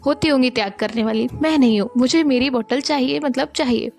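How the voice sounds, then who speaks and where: Woman voicing a stubborn young woman, demanding, childish, high-pitched. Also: brisk, creaky, darkish tone, soft background music. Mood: insistent. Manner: insistent, demanding.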